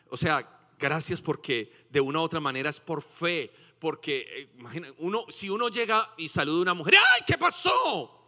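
Man, pastor, sermon, bright ringing tone, loud sung peaks and hushed asides. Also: fairly high pitch. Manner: swings from loud singing exclamations to hushed asides, acts out quotes. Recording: long hall reverb.

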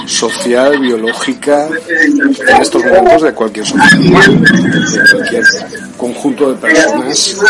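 Spanish man reading over loud music. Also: a little high, low-quality recording. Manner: measured, halting delivery with fillers and restarts. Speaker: author reading from his own book. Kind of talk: reading aloud with spoken asides. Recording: loud background music under the voice.

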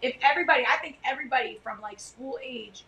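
A middle-aged woman co-hosting a podcast, chatting casually on a couch in a loud, emphatic way. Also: sits high, fast, crowd noise, low-quality recording. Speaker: podcast co-host. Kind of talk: casual chat. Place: living room couch.

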